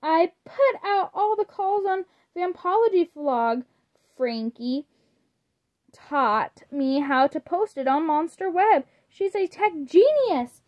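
Eager teen vampire girl, put on by a woman, high-pitched, muffled lo-fi read. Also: animated, slow pace, exaggerated voice. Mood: gleeful.

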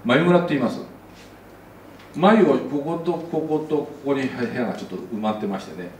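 A man's voice: mid-range voice, animated, normal speed, a little mellow, roomy sound, recorded from a distance, slight background noise, low-quality recording. A man giving a casual slide lecture as an architect, chatty, with many asides.

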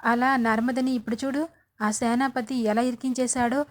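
A woman's voice: on the high side, little pitch movement, normal speed, lightly acted. A woman voicing a scheming, gloating middle-aged woman relative in a retold serial, sly and needling.

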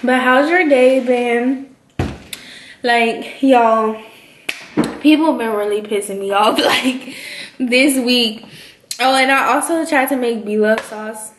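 A woman's voice: fairly high pitch, takes it slowly, a bit bright, a little hiss or hum. A young woman chatting casually to her viewers while eating, sassy and full of "like" and "y'all". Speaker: vlogger. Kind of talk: casual chat mukbang. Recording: echoey room.

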